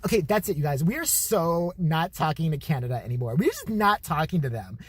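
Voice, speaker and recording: A man putting on a gossipy teenage girl president with a catty valley-girl drawl, sitting a little lower and quieter than his normal voice. The tone is husky and the pitch swings around. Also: sing-song, brisk.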